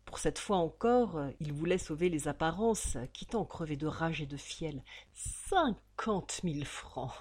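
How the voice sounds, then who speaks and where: A woman reading a novel aloud as an audiobook narrator, in an expressive, theatrical manner. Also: deep voice, moderate pace, few pauses. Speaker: audiobook reader.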